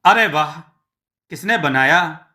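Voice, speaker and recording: A man's voice: on the high side, animated, slow pace, bright, forceful tone, heavily acted. A man doing a hearty village neighbor man.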